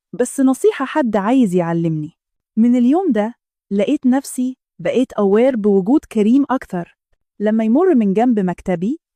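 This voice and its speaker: A woman's voice: mid-range voice, warm tone, no room sound, clean studio sound. A woman with an Egyptian Arabic accent telling a first-person story in scripted narration, in an intimate, confessional way.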